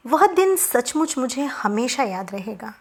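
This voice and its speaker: A woman narrating a moral story in a relaxed, conversational way, with small asides to the listener. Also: a little high, a little slow.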